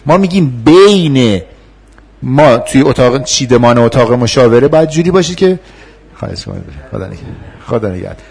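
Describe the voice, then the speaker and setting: A man with a husky, slightly breathy voice leads a class in an easy, conversational manner. He laughs often and slips into short role-plays to show how he would speak to a student. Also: mid-range voice, animated, darkish tone. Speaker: instructor. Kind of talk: classroom lecture with role-play.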